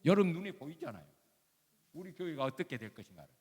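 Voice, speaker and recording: A man's voice: a little high, very animated, quick pace, a little mellow, slightly rough. An older male emeritus pastor, preaching a sermon in a folksy, emphatic way and firing off rhetorical questions, recorded in a church sanctuary. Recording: long church hall reverb.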